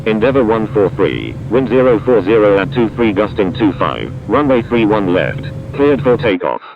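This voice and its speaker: Low-voiced male air traffic controller, noisy radio. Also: big pitch swings, moderate pace. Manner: procedural, reciting instructions in set phrases. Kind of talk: aviation radio phraseology. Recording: muffled radio with loud rumbling noise.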